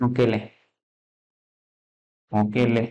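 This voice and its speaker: A man teaching an exam-prep physics lesson, checking in constantly with quick questions and repeating key terms. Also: medium pitch, little pitch movement, warm tone, rough recording.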